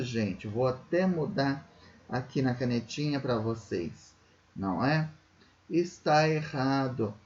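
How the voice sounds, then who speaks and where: A man's voice: on the high side, darkish tone, muffled recording. A man teaching primary school children, patiently explaining a workbook exercise with a Brazilian Portuguese accent, often checking in with tag questions.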